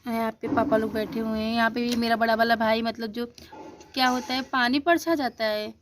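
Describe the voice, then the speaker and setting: A woman's voice: fairly high pitch, fairly even intonation, fairly quick, background noise. Chatty young woman. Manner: chatty, explaining step by step with many fillers. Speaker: vlogger. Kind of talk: casual narration of a photo album.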